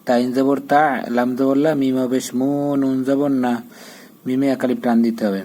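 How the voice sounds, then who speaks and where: A man teaching how to read a Quran chapter, spelling out the Arabic letter by letter and then intoning each verse slowly. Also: mid-range voice, level tone, dark tone, rough recording.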